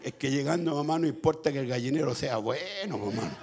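A male pastor with a Chilean Spanish accent preaching a sermon through a personal story, going from hushed telling to loud shouting. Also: on the high side, a little fast, a crowd in the background.

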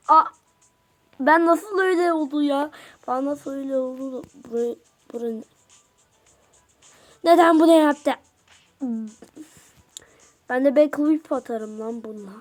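A woman narrates her game in a high voice, chatting to viewers in loose slang. She draws her words out slowly and repeats phrases again and again as she reacts. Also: faint music behind. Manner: excitable, repeats phrases in bursts; slangy casual talk to viewers. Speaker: gamer. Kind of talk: let's play commentary.

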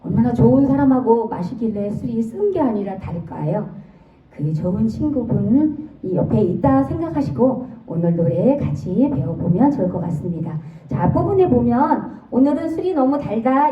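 A woman's voice: on the high side, sing-song, normal speed, reverberant, far from the mic, phone-quality sound. A woman teaching a song class, singing short phrases, counting in and patiently correcting how they are sung. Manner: patient, demonstrating lines then correcting them. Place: senior welfare center class video.

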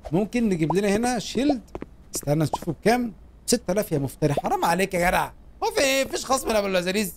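Young man, Egyptian accent, gaming commentary, fast, animated pitch, playful slang. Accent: Egyptian Arabic. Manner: excitable, playful, jokey street slang, cries out when startled. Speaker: gaming YouTuber. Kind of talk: lively gameplay commentary. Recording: clear background noise.

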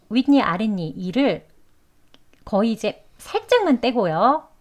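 A woman teaching English pronunciation to Korean learners, patiently drawing out each example word. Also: mid-range voice. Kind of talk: pronunciation lesson.

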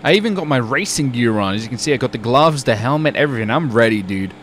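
Young UK man, game streamer, chatty rambler, mid-pitched, faint background noise. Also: lively intonation, fast talker. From United Kingdom. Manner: rambling, chatty, says dude often. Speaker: roleplay streamer. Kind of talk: casual in-game chat.

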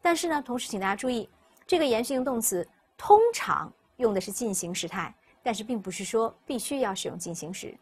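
A woman teacher, explaining English vocabulary step by step and repeating each word slowly for students. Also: a little high, animated, slightly rough. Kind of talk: recorded vocabulary lesson.

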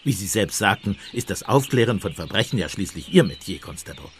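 Pater Brown, an actor as a deep-voiced priest detective. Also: male voice, animated, a little hiss or hum, lightly acted. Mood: calm, firm. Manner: measured, politely evasive, understated irony. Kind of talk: German radio play acting.

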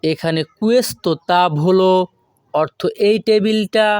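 A man giving a scripted language lesson, saying example phrases slowly and repeating them piece by piece. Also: high-pitched, darkish tone, smooth, dry recording, clean studio sound. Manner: slow, syllable-by-syllable repetition of example phrases. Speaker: language teacher.

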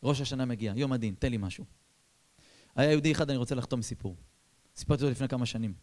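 A man, a rabbi, telling a story in a sermon, talking straight to his listeners in casual speech, with loud bursts and soft low asides. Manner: addresses listeners directly, colloquial.

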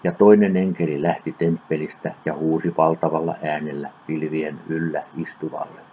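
Deep dark-voiced guy slowly reading scripture, muffled lo-fi audio, bit of background hiss. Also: level tone. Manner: measured, deliberate reading with occasional slips. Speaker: scripture reader. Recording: dull lo-fi recording with faint noise.

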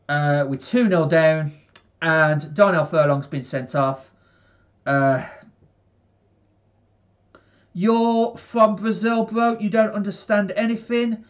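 Slow-talking young Englishman streaming a match. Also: fairly high pitch, steady tone. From England. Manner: rambling, many fillers, talks slowly to viewers. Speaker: football watchalong streamer. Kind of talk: casual live match commentary to chat. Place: small bedroom. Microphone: headset.

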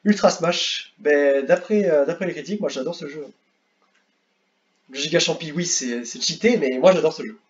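A young man casually ranking video games, rambling and repeating himself, with excitable bursts. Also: fairly high pitch, normal speed, lo-fi sound. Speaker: gaming youtuber. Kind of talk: casual tier-list commentary.

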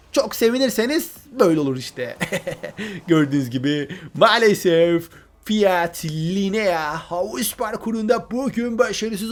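A man giving excited gameplay commentary, often repeating words in bursts and talking straight to his viewers. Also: sits high, a little hiss or hum. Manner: excitable, repeats words when thrilled, addresses viewers as friends.

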